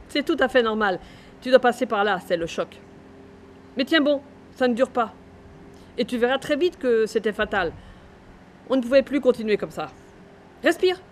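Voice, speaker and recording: An actress playing a teacher wife who calmly and firmly breaks up with her husband, speaking in a soothing, measured way. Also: a little high, slight background noise. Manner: calm, soothing, measured and firm. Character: composed teacher wife leaving her husband, gently firm. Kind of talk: theatrical monologue.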